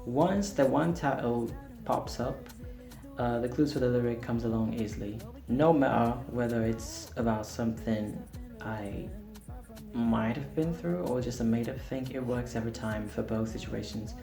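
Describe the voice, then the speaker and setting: Candid, rambling singer-songwriter man, a native Portuguese speaker, gravelly low tone, echoey room with music under. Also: moderate pace, warm tone. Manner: candid, self-deprecating, rambling with fillers. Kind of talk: casual chat to camera. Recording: roomy echo with music behind.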